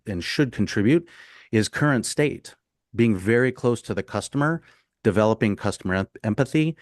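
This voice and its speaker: A man's voice: lowish voice, a little mellow, no room sound, studio quality. A man from the United States giving an emphatic, blunt answer on a discussion panel over a video call, building his points as a list. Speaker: panel guest, business consultant.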